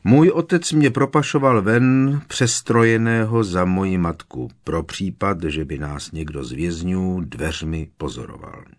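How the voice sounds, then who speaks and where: A man voicing a young male prisoner who confesses in a flat, expressionless monotone. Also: deep voice, hardly any pauses, natural voice. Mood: flat confession. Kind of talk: audiobook character voice.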